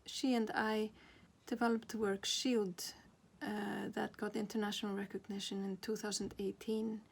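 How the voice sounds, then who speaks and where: A woman's voice: medium pitch, level tone, moderate pace, gravelly. A woman, a glass artist presenting her work in a reflective way, often stopping to search for words. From Iceland. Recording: very roomy, distant mic, noisy background.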